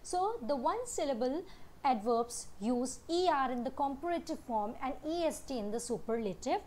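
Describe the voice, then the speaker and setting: A woman's voice: high voice, animated, drawn-out words, darkish tone, slight background noise. A woman teaching English grammar with an Indian English accent, explaining rules and reading word lists aloud. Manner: mixes English and Hindi explanations.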